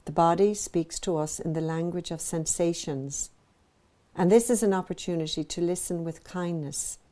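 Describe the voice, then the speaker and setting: Narrating a guided practice, a woman meditation teacher speaks gently, soothingly, and at a measured pace. Her voice sits fairly low, and she pauses between phrases.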